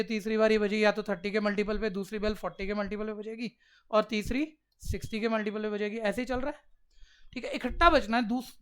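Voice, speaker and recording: A man teaching maths to a class, coaxing the pupils along with quick direct questions. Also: extremely high pitch, a bit bright, smooth. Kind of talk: classroom lecture.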